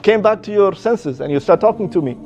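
A man's voice: expressive, fairly quick, a little mellow. A man doing an exasperated corpse washer. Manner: high-pitched, incredulous outbursts. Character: exasperated middle-aged man who washes the dead. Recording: dull lo-fi recording.

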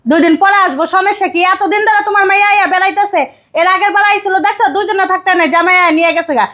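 A woman's voice: very high-pitched, fairly even intonation, rapid-fire, a bit bright. A woman playing a nagging middle-aged wife and mother with a Bangladeshi Bengali accent, scolding and insulting.

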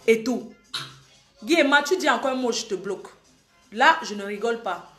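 A young woman with a high voice scolds her live-stream audience and hammers each warning home. She is recorded in an echoey room with faint music behind her. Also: animated, normal speed, a bit bright. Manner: scolding, emphatic, repeats warnings. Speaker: social media live host. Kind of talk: heated live-stream monologue.

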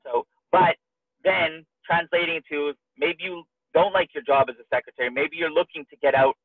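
A man co-hosting a webinar, giving an upbeat, persuasive motivational pitch and asking his listeners questions. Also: moderate pace, breathy edge, dry recording. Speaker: webinar co-host. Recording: dry, tinny call audio.

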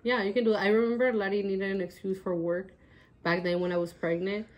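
A young woman co-hosts a casual podcast chat at a middle pitch. She talks bluntly and laughs often, with "like" in nearly every sentence. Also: little pitch movement, a little fast, highs cut off. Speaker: podcast co-host.

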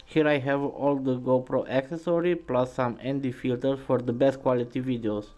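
A man, a truck driver, narrating a voice-over in a plain, steady way as he lists what he packs for the road. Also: mid-range voice, normal speed, low-quality recording. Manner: plain, steady listing of items.

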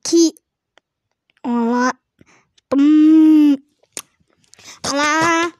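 A young girl playing a game with a friend, excitable, often shrieking and laughing. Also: sits high, extremely slow, dry recording. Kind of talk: playful game chatter.

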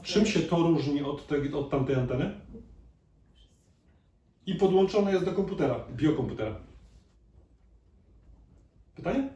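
A man with a fairly high, mellow voice gives a chatty lecture, turning to the room with questions. He is heard from a distance in an echoey hall, with faint noise behind him. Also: normal speed, long pauses. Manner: conversational, asks the audience questions. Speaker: chiropractor giving a lecture. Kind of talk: live lecture to an audience.

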